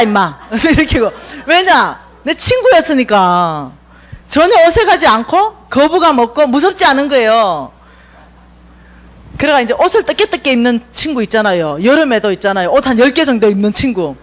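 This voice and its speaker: Woman, middle-aged, Gyeongsang accent, church seminar speaker, lively storyteller, very animated pitch. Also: a little fast. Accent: Gyeongsang Korean. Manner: animated, acts out dialogue with big shifts in pitch and volume. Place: church lecture hall.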